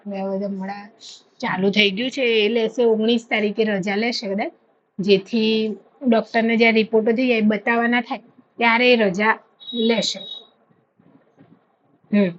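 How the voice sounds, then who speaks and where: A woman's voice: on the high side, normal speed, pauses often, highs cut off. A woman, chatting casually to camera in a storytelling way. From India. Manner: chatty storytelling, animated when retelling. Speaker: vlogger.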